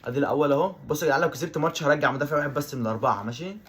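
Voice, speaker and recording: A man with an Egyptian Arabic accent giving excitable let's-play commentary on a football video game, repeating his exclamations over and over. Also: on the high side, rapid-fire, crowd noise. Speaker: gaming YouTuber.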